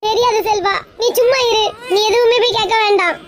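A woman's voice: very high-pitched, fairly even intonation, brisk, a little hiss or hum. A woman with a Kanyakumari Tamil accent playing an anxious, tearful young woman in a comedy skit. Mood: pleading. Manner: tearful, fretting.

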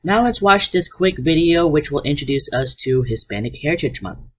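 A man's voice: a little high, expressive, normal speed. A man teaching an online art class, explaining slides to his students in an upbeat way. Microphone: voice-over on slides.

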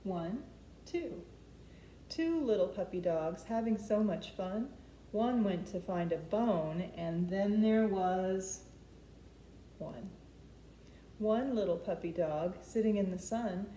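Animated yet mellow, a middle-aged woman's mid-range voice moves slowly and pauses often as she gives preschoolers simple step-by-step storytime prompts, rhymes and counting. She's indoors in her home's open living room and kitchen, recorded by a camera mic a few feet away, with echo and faint background noise.

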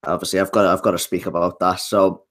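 A young man with a fairly low voice hosts the podcast. He asks his questions haltingly, restarting his sentences and filling the pauses with ums. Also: level tone, fairly bright tone. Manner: hesitant, many restarts and fillers. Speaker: podcast host. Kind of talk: interview questions.

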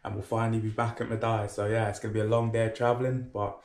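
A man's voice: on the low side, flat delivery, rapid-fire. Guy, 20s, travel vlogger, casual, chatty; arm's-length action cam, roomy with heavy background noise. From England. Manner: chatty, upbeat, laughs often. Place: on the move through airports, planes and trains. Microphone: action camera held at arm's length. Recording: echoey spaces with loud background noise.

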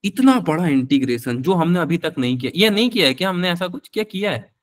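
A young man teaching physics in a live online class, with a slightly high voice. He talks in a chatty, fatherly way, mixing in terms. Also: big pitch swings, fast. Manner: chatty, calls students beta, answers their questions.

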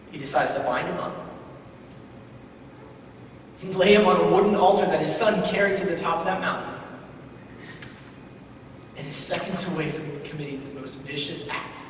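A man's voice: high voice, fairly bright tone, slight background noise. Joking man preaching in an echoey hall. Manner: casual, joking, acts out voices of characters. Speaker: youth speaker. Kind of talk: stage talk retelling a Bible story with jokes. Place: large hall on stage. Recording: echoey hall, mic from far off.

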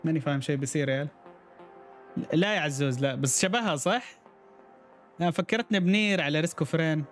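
A man's voice: a little high, quick pace, long pauses, soft background music. Chatty gaming streamer man. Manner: chatty, reacts aloud and talks to chat. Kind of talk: casual gameplay commentary.

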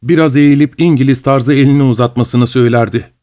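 A man voicing an excitable, fawning middle-aged husband who talks with ingratiating emotion, in an audiobook. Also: mid-range voice, fast talker, lightly acted. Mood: excited, fawning.

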